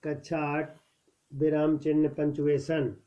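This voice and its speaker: A man gives a school grammar lesson in an unhurried, deliberate way. He lifts his voice for each new heading, then drops it to read the examples. His voice sits a little high, and the recording is dull and lo-fi. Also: completely flat delivery. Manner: measured, announces each heading louder then reads examples more softly. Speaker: teacher. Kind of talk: scripted Hindi grammar lesson.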